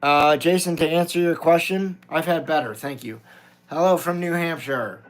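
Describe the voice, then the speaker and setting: A blunt, informal middle-aged American streamer chats casually while going through viewer comments, with loud guitar behind his voice. His pitch is fairly high and his speed normal.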